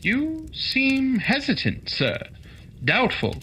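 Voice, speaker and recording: A man's voice: very high-pitched, wildly swooping pitch, slow pace, bright, forceful tone, a little hiss or hum, exaggerated voice. A man playing an earnest, slightly dim doctor sidekick who also narrates a radio play politely.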